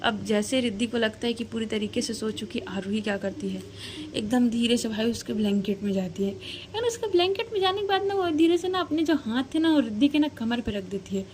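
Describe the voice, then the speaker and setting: A woman's voice: on the high side, expressive, a little fast, darkish tone, slight background noise. A woman narrating a story casually, chatty and slangy, talking to the listener like a friend.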